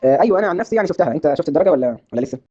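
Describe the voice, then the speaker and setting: A man's voice: on the high side, animated, racing, dark tone, dull audio. A man with an Egyptian Arabic accent, exasperated and insistent, in a comedic skit.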